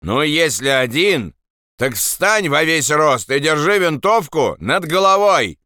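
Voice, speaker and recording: Man plays suspicious guard soldiers, mocking and commanding, lively raised voice, audiobook role. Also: fairly high pitch, slow, dry recording, studio quality, voice pushed up, heavily acted.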